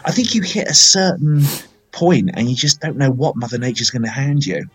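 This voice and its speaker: A man's voice: mid-range voice, lively intonation, normal speed, soft background music, rough recording. A man, hosting a casual film podcast and talking in a rambling, chatty way full of fillers. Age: 40s. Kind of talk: casual film chat, live-streamed.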